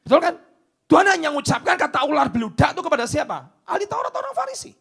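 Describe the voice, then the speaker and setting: A man preaching a sermon into a microphone in church, swinging from loud declarations down to hushed whispers. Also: extremely high pitch, very animated, fast, vocal fry, soft background music. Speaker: pastor.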